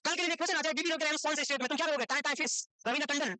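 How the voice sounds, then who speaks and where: A woman's voice: high-pitched, racing, sharp tone, no room sound. A woman teaching a nursing exam class in a classroom, quizzing her students and scolding them for not knowing the answers. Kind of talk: classroom lecture.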